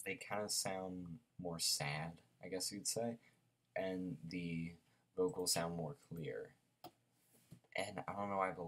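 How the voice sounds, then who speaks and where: A young man with a very low voice rambles through a casual album review. He talks loosely, full of "like" and "um", and restarts his sentences. He sounds a little sleepy. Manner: rambling, many fillers and restarts. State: sleepy, yawning.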